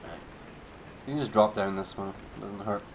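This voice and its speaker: A man's voice: on the low side, normal speed, slight background noise. A man streaming a game, giving laid-back, chatty commentary with a wry edge. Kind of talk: casual gameplay commentary.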